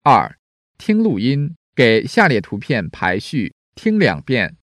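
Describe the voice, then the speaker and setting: A man reading listening-exam instructions in a measured, formal way. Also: medium pitch, wildly swooping pitch, no room sound, studio quality. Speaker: test instructions reader.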